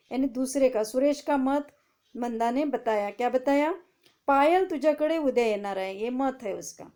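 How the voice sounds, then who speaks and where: Mellow-voiced woman teaching a class. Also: sits high. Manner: explains in Hindi, reads Marathi sentences aloud slowly, asks and answers own questions. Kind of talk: online class explanation.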